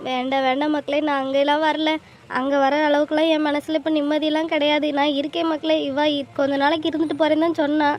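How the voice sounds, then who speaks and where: A woman voicing a worried, tearful older village mother in an animated family drama, speaking. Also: high-pitched, quick pace, close to an everyday voice. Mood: anxious pleading. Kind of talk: cartoon voice acting. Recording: faint ambient noise.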